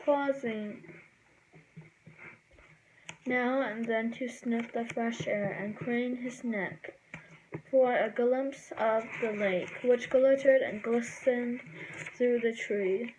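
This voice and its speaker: A woman reading a children's book aloud, slowly and haltingly, sometimes stumbling over words and correcting herself. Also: on the high side, fairly even intonation, a little mellow, a little hiss or hum, rough recording. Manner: slow, halting read-aloud with self-corrections. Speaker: reader.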